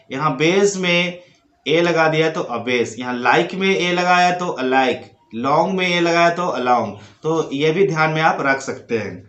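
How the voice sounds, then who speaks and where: High-voiced man teaching pronunciation. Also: fairly bright tone, echoey room. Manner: slow, drawn-out repetition of example words. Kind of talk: slide-based lesson.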